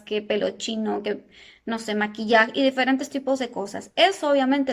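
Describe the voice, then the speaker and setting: A woman in her thirties from Argentina, a psychologist calmly explaining a topic to her viewers and asking them rhetorical questions. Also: on the high side. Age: 30s. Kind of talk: educational talk.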